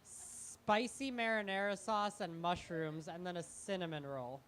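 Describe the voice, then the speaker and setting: Halting, rambling young man. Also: sits high, fairly bright tone, clean tone. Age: young adult. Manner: halting, rambling, self-deprecating. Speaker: comedian guest. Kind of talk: live talk-show interview.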